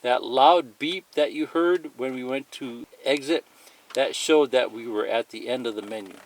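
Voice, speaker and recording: A tutorial presenter gives a casual, hands-on product demonstration, going step by step in plain speech. His voice is medium-pitched at a moderate pace, and the clearly noisy amateur recording has clicks and beeps.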